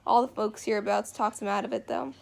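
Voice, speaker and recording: A woman's voice: mid-range voice, steady tone, a little fast, creaky. A woman reading the lines of a lonely, bitter middle-aged farmer man who rambles in a drawling rural dialect. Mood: talkative.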